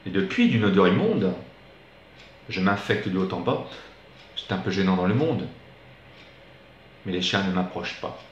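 Male stage reciter, animated and theatrical verse delivery, heavy room echo. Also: deep voice, normal speed, pauses often, muffled recording, slight background noise. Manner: dramatic, expressive, swings from excited to hushed. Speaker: performer reciting a verse monologue. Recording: very echoey room.

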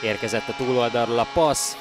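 Excited male sports commentator over music. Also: medium pitch. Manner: bursts into loud, raised calls on goals. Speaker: ice hockey commentator.

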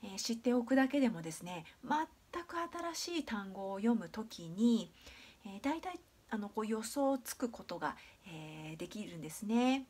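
A woman's voice: mid-range voice, expressive, darkish tone, breathy edge. Patient woman teaching pronunciation. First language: Japanese. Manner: patient, spells out sounds and examples slowly; frequent drawn-out "eh" fillers. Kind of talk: explanatory video lesson.

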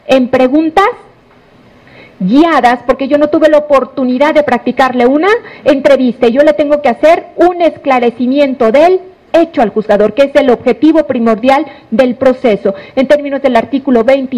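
A woman giving a law lecture, animated and putting pointed questions to her audience. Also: high-pitched, moderate pace, poor audio. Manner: animated, questions audience, calls listeners "corazón".

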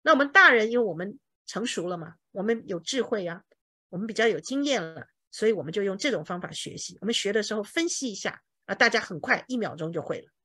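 A woman teaching an English lesson, patiently explaining with homely comparisons and slowly repeating words to drill their pronunciation. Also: medium pitch, expressive, sharp tone, slightly rough, dry recording, studio quality. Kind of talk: language lesson.

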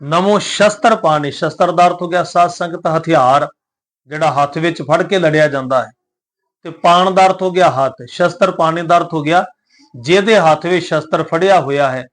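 Slow, deliberate chanting of verses comes from a man whose voice is a little high, followed by word-by-word explanation. He teaches with reverent devotion and speaks politely to those listening.

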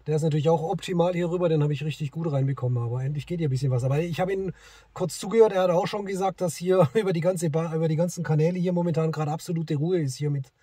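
Fast-talking with a fairly high pitch, this middle-aged man vlogs from a parked car deep in a forest, testing a CB radio and chatting casually as an amateur operator. There's no echo, but loud radio hiss and static make the recording clearly noisy.

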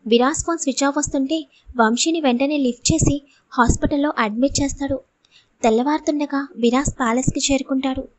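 A woman's voice: sits high, steady tone, fairly quick, darkish tone. A woman narrating a serialized audiobook drama with emotional storytelling.

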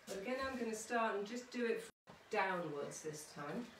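A middle-aged artist demonstrates art for children in her small conservatory-style home studio, chatty and encouraging and regularly checking in with her young listeners. Her medium-pitched voice is expressive and fairly bright, at normal speed. The mic is a camera or phone a short way off, leaving the sound roomy and distant with some background noise.

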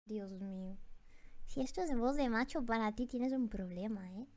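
A woman's voice: fairly high pitch, normal speed, a little mellow, faint music behind. A young woman from Japan reacting on stream, flustered, exclaiming and repeating herself.

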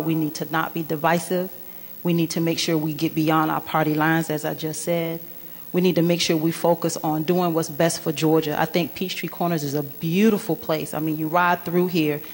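A woman giving an earnest debate closing statement on a handheld mic, driving points home with repeated "we need to". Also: low voice. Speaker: state senate candidate. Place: large indoor community hall. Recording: long hall reverb.

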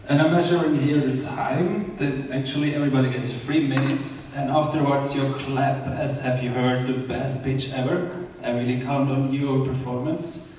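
A man's voice: mid-range voice, fairly even intonation, normal speed, hardly any pauses, darkish tone. A man keeping time at a live event, telling the audience directly how the rules work. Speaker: event timekeeper. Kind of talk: announcement to an audience. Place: large event hall. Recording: echoey hall, speaker far off, faint noise.

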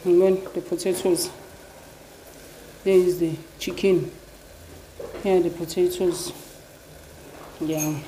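A woman's voice: lowish voice, steady tone, slow, pauses often. A middle-aged woman, chatting casually in a vlog and often calling out to "guys". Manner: chatty, keeps saying "guys". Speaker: lifestyle vlogger. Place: airport terminal, then home kitchen. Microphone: phone at arm's length. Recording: phone video with crowd and background noise.

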